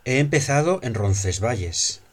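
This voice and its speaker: Male phrase reader for a language course, husky, animated pitch, scripted short dialogue lines. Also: moderate pace.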